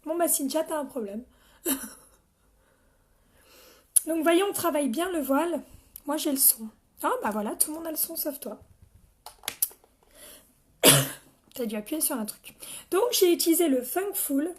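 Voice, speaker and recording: Chatty high-voiced woman. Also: unhurried, long pauses. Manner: chatty, addresses viewers by name, frequent coughs. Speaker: makeup seller training her team. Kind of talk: live makeup tutorial chatting with viewers.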